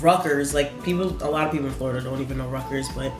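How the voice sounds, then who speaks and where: A young woman with a notably low voice chats casually over breakfast, rambling along and leaning on "like" constantly. The room sounds roomy and echoey, with faint music playing behind her. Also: very fast. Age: young adult. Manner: rambling, heavy use of "like". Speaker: co-host. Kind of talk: casual chat while eating.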